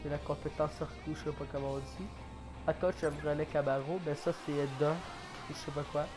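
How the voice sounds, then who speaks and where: With a head cold, a Québécois French-accented gaming YouTuber gives casual gameplay commentary in a slightly high, flat voice. He halts often, full of fillers and restarts, sounding stuffy and coughing, as game music plays clearly underneath.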